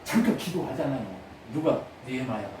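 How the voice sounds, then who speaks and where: A man's voice: medium pitch, animated, a little fast, darkish tone, slight background noise. A man preaching a sermon, firing rhetorical questions at the congregation and acting out short pleading prayers in a raised voice. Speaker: pastor. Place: church sanctuary. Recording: very echoey church hall, voice from a distance.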